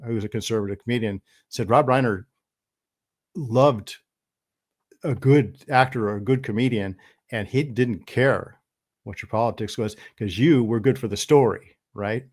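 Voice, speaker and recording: A man's voice: medium pitch, normal speed, a little mellow, breathy edge. A man who is a guest on a podcast, giving his opinions in earnest, conversational talk with fillers. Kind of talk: casual conversation.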